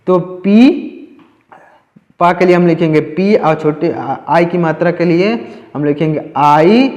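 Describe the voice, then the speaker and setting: A man teaching English spelling to beginners, slowly and repetitively spelling out words letter by letter. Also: a little high, a little mellow, echoey room, big-room sound.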